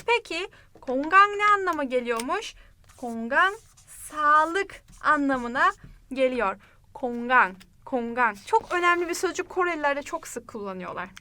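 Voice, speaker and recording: Bright high-voiced woman teaching a lesson. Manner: repeats words slowly and clearly for learners; friendly, addresses the learner directly. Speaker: language teacher. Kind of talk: online language lesson.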